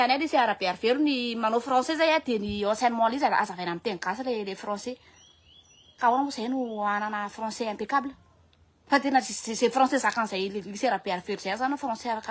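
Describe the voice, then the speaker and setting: A woman with a Malagasy accent, talking in a lively casual monologue and switching languages often. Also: a little high. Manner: animated, switching between French and Malagasy, many restarts. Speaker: vlogger.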